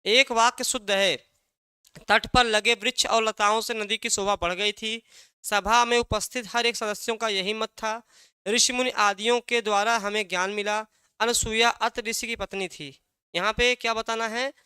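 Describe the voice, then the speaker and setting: A steady, mid-range voice at normal speed, pushed and bright yet smooth, leads an exam-prep language lesson. The teacher raises a question, answers it, and repeats the key words repeatedly, all in clean studio sound with no room noise.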